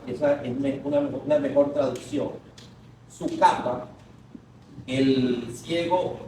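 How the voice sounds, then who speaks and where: A man preaching a sermon to a congregation, leading them in call-and-response and breaking into shouted quotes. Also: fairly high pitch, a little hiss or hum. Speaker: pastor. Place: large echoing church hall. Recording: echoey distant church recording.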